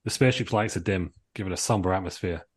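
A man's voice: sits low, quick pace, slightly rough. A man narrating a comic amateur play from a script, reading out stage directions as co-host.

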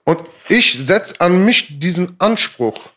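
A man with a high voice that leaps around a lot, talking as a rapper guest in a relaxed interview. He speaks emphatically in street slang, says things twice and keeps checking that his listener is following. The talk is casual and frank. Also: slow pace.

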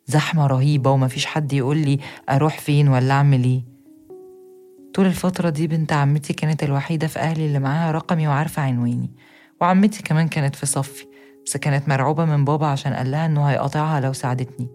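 Very fast-talking young Egyptian woman. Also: low-pitched, fairly even intonation, dark tone, soft background music. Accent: Egyptian Arabic. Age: young adult. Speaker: narrator. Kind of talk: scripted first-person narration.

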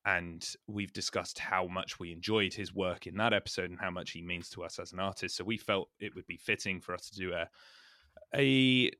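A male podcast host speaks in a low, hoarse voice that still has a forceful edge. His talk is casual and halting, full of pauses. The sound is dry and close, with little room around it. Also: dry recording. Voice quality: hoarse, croaky voice. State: hoarse after a recent illness.

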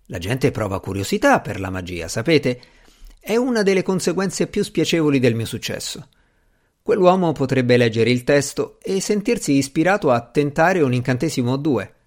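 A man's voice: medium pitch, big pitch swings, moderate pace, lightly acted. A man reading a fussy, fretful old magician. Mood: musing. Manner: fretful, possessive pleading. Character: fussy anxious middle-aged male magician. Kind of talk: audiobook character reading.

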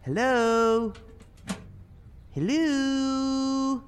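A man on a podcast calling out in a raised voice through a door's mail slot, heard from the outside. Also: drawn-out words. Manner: raised, high-pitched calling. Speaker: podcast co-host. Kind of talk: comic bit in a casual podcast. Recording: distant, with loud background noise.

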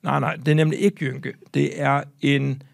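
A man's voice: mid-range voice, little pitch movement, vocal fry, no room sound, clean studio sound. A man co-hosting a comedy podcast, telling a rambling story full of hesitations and acted-out voices. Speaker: podcast co-host.

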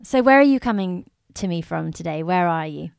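A woman's voice: lowish voice, expressive, normal speed, vocal fry, smooth, dry recording, studio quality. A woman hosting a podcast, introducing and interviewing her guest in a presenter's style. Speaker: podcast host and travel journalist.

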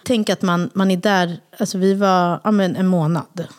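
A young woman co-hosting a casual podcast chat, telling stories with lively acted-out quotes. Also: on the low side. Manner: animated storytelling, acting out quotes. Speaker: podcast co-host.

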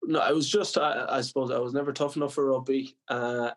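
A man's voice: medium pitch, steady tone, brisk. A man from Limerick with a west of Ireland accent, answering as a podcast guest in an earnest, modest, conversational way. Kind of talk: casual interview reminiscence.

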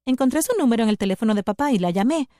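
A woman narrates a scripted first-person story with an expressive delivery. Her pitch is a little high and swings widely. The recording is dry and close, with no room sound. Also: racing, no echo.

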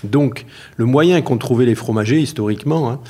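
A man's voice: mid-range voice, normal speed, darkish tone, slightly rough. Hesitant French-speaking man explaining. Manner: hesitant, many fillers, explains carefully. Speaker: cheesemaker interviewed about his cheese. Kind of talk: casual spoken interview.

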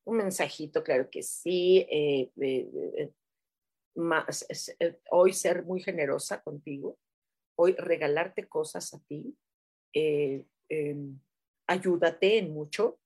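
A woman with a Mexican accent and a low, husky voice hosts a live stream at a slow pace, reading viewers' comments aloud. She answers with warm, chatty, rambling angel messages full of fillers and affectionate terms, in a casual live-chat style.

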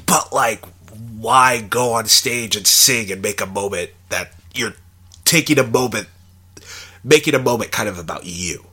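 A man's voice: fairly low pitch, a little slow, sharp tone, husky. A young man in casual conversation about a film, thinking aloud with lots of fillers and restarts.

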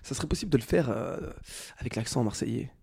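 A man's voice: medium pitch, lively intonation, fast talker, vocal fry, darkish tone, breathy edge. A man co-hosting a podcast in casual chat, telling stories with self-mocking laughs.

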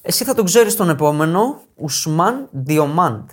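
A man's voice: on the high side, sing-song. A man co-hosting a casual football podcast, introducing players one by one in a chatty way. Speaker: podcast co-host.

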